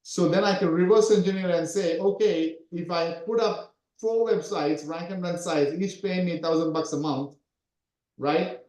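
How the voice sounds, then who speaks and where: A man's voice: sits high, a little mellow, reverberant, low-quality recording. A man in his early forties, originally from Sri Lanka, coaching on a call and often checking in with "right?". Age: 40s. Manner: repetitive, keeps asking "right?". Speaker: SEO coach. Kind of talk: coaching talk in an interview.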